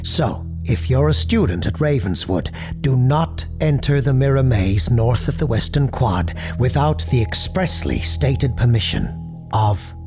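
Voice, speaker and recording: Music plays behind a man whose mid-range voice is animated but a little slow. He's acting in an audio drama as the polite, solemn parapsychologist behind a late-night paranormal radio program, and his formal delivery relies on ominous understatement.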